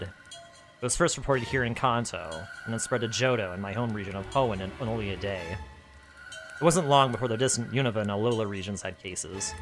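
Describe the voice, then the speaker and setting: A man reading his own story aloud in an animated way, laughing at his own asides. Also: lowish voice.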